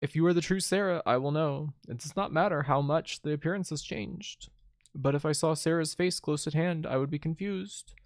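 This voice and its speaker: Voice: mid-range voice, moderate pace, dry recording, clean studio sound, natural voice. Defiant devoted lover, read by a game player. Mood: defiant, stubborn. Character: defiant devoted lover refusing a devil's deception. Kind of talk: video game dialogue read aloud.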